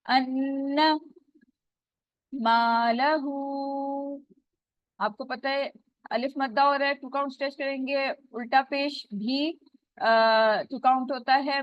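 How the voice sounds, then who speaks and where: A woman's voice: sits high, dry recording. A woman teaching Quran recitation rules in an online lesson, explaining step by step. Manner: drawn-out recitation of Arabic words. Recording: dull dry lo-fi recording.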